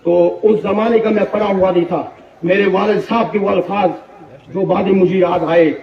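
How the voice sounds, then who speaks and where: A man of about sixty, unwell, delivering an impassioned sermon as head of a religious school, his voice rising to shouts. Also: sits high, fairly even intonation, moderate pace, a crowd in the background. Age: 60s. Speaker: madrasa head. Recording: echoey distant lo-fi hall recording.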